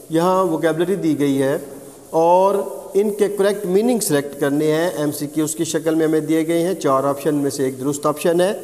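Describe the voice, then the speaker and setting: A man's voice: a little high, a little mellow. A male English teacher, giving a recorded lesson and going through words one at a time. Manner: slow, deliberate, reads glossary word by word with Urdu meanings; reads English definitions very slowly. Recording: long hall reverb.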